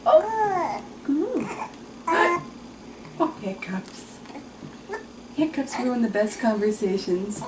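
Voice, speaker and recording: A mother cooing to her baby at home in gentle, sing-song baby talk. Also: a little high, sing-song, very slow, pauses often, distant mic, background noise.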